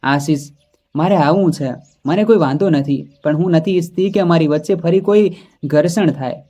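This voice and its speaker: A man voicing a stubborn, quick-tempered young wife who speaks sharply and indignantly. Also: on the high side, dark tone, close to an everyday voice.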